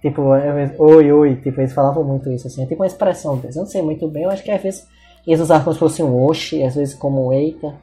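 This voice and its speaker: A woman co-hosting a casual chat, telling a story quickly and mimicking the people she quotes. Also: deep voice, mellow, soft background music. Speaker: podcast co-host.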